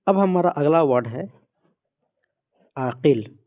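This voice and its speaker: A man with a slightly high voice teaches vocabulary one word at a time. He repeats each term patiently. The audio is thin and phone-like. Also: expressive, takes it slowly. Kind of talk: vocabulary lesson.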